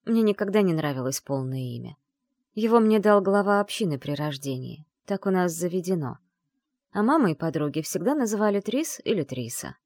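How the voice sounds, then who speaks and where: Female audiobook narrator, first-person, lively and expressive, lowish voice, dry close sound. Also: fairly quick, no room sound. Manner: expressive, animated storytelling.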